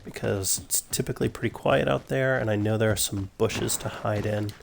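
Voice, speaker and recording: An American man casually commenting on his game for viewers, relaxed and self-mocking. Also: fairly low pitch, normal speed, gravelly. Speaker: streamer. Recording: noisy game audio behind. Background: game sounds, gunfire.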